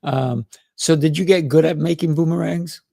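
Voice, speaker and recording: With a voice on the high side, steady in tone and moderate in pace, a middle-aged podcast host brings vocal fry and a breathy edge. He's warm, chatty and encouraging, with many affirmations, in studio-quality audio without echo.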